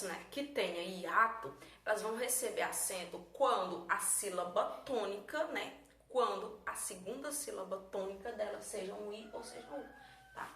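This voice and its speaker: A woman teaching a lesson in a patient, explanatory way, with a slightly high voice. She is recorded in a roomy, echoing space from some distance, with faint background noise. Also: fairly bright tone. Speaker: Portuguese teacher.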